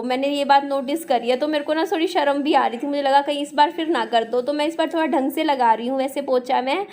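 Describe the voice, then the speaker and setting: A young woman narrating her day in a chatty, rambling vlog, full of fillers. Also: high voice. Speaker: vlogger.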